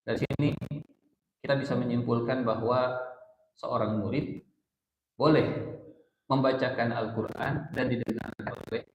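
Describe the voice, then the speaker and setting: A man's voice: medium pitch, fairly even intonation, moderate pace, long pauses, echoey room, rough recording. A man with a Sundanese-inflected Indonesian accent teaching a Quran study circle, explaining verses and chanting Arabic recitation. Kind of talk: Islamic study lecture.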